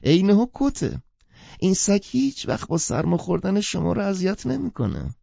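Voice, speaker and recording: Crackly old puppy seller, squeaky and swoopy, all sales pitch, kinda muffled. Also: male voice, sing-song, mellow, no room sound, exaggerated voice. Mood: wheedling. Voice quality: creaky, strained high voice. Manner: wheedling salesman patter. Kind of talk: audiobook character voice.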